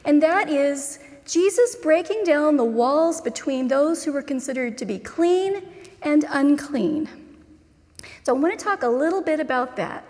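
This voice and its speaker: A woman pastor preaching a sermon in slow, deliberate phrases with measured pauses. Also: high-pitched, expressive, a little mellow. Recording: long reverb of a large hall.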